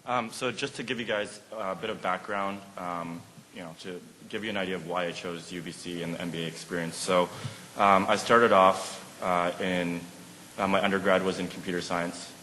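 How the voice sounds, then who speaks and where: Man in his 30s, very low voice, flat delivery, echoey hall. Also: slight background noise. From Vancouver, Canada. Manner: measured, frequent fillers. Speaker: panelist. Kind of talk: panel answer. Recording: echoey hall, faint ambience.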